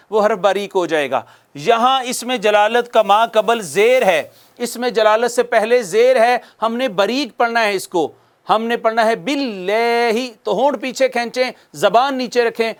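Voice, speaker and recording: A man with a high-pitched voice and a Pakistani Urdu accent teaches Quran recitation on television. He explains each point patiently and repeats it. He stretches the example phrases out slowly so viewers can copy them. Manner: slow drawn-out model recitation of Arabic phrases. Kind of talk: televised tajweed lesson.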